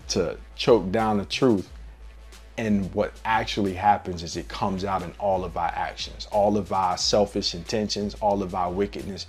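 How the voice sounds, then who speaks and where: Earnest male preacher, deep and husky, slangy conversational delivery over faint music. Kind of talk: casual devotional sermon.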